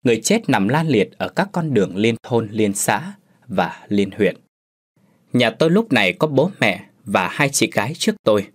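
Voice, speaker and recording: A man narrating a first-person story as a storyteller in scripted narration, with lively, expressive delivery. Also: on the low side, normal speed, slightly rough.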